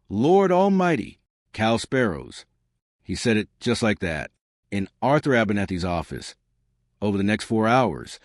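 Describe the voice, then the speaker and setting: A man narrating a first-person story in a measured, dramatic storytelling manner. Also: lowish voice, dry recording, studio quality.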